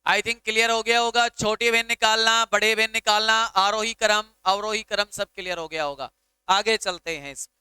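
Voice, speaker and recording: High, bright-voiced male math teacher. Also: fairly even intonation, normal speed, smooth, dry recording. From India. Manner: patient, repeats steps aloud, calls students "beta". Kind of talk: exam-prep math lesson.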